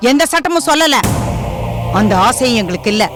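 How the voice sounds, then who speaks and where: An actress playing the stern, proud matriarch of a family in a TV serial, scolding and commanding. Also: female voice, high-pitched, expressive, fairly quick, music in the background. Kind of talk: TV serial acting.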